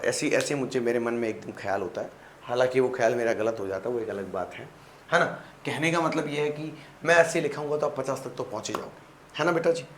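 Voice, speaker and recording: A man with a Rajasthani accent teaching a class, repeating each point, quizzing his listeners and mixing English phrases into his talk. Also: mid-range voice. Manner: mixes English phrases into Hindi; clears throat often. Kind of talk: classroom-style lecture. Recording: echoey room with faint background hum.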